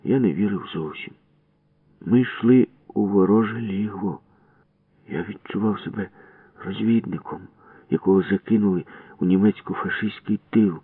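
Deep-voiced man reading a story. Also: normal speed, long pauses, dry recording. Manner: expressive storytelling. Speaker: reader. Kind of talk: scripted first-person story narration. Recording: distant tinny phone-like radio recording.

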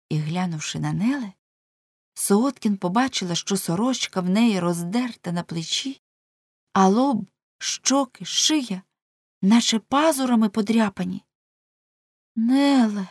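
A woman reading a story aloud as an audiobook narrator, expressive and dramatic. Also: medium pitch, husky, no echo, studio quality. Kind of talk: scripted narration.

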